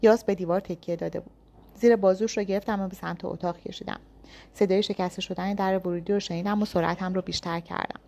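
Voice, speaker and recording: A woman's voice: medium pitch, fairly even intonation, vocal fry, darkish tone. A woman reading a first-person thriller story aloud with tense, dramatic storytelling. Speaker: narrator.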